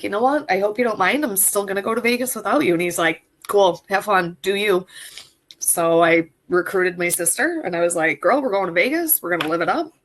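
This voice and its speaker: A woman in her thirties, a coaching client, telling her story in a chatty, animated way with lots of fillers. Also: medium pitch. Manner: chatty, animated storyteller, squeals when quoting herself. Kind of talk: casual storytelling interview.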